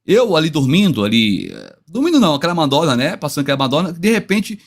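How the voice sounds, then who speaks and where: A man's voice: a little high, huge pitch swings, fast talker. A man with a Brazilian Portuguese accent, a guest pastor telling a personal story with hesitant restarts.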